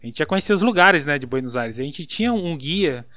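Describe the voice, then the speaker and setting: A young man with a São Paulo accent telling a story in a casual, slangy, animated way. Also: fairly high pitch, brisk, no room sound. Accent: São Paulo Portuguese. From São Paulo, Brazil. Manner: animated, slangy storyteller who acts out voices.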